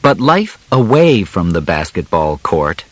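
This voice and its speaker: A man narrates an audiobook from a simple script, enunciating carefully and deliberately in short phrases separated by pauses. His low voice has a sing-song quality, and the recording is dry.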